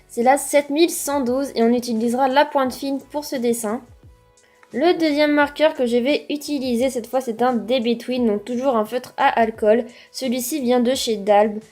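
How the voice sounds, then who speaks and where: Young female tutorial host, high voice, friendly step-by-step explainer, faint music bed. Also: fairly even intonation, moderate pace, a little mellow. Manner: chatty, explains each step. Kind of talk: friendly how-to narration.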